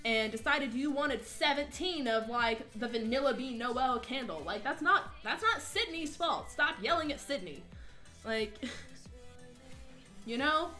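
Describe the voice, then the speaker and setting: A young woman streamer tells stories in an easy, chatty way. She acts out the people she quotes in mocking voices. Her voice is bright and fairly high, with soft music playing behind her. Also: expressive, a little slow. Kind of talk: casual chat storytelling.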